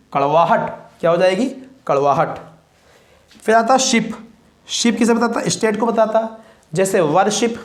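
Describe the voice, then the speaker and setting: A man, teaching a classroom vocabulary lesson and drilling students with repeated questions. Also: high-pitched. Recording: roomy echo.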